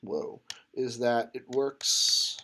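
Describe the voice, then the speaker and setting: A man's voice: medium pitch, little pitch movement, extremely slow, pushed and bright. A man teaching a computer science class, talking casually with many fillers and restarts as he thinks aloud. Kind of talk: lecture.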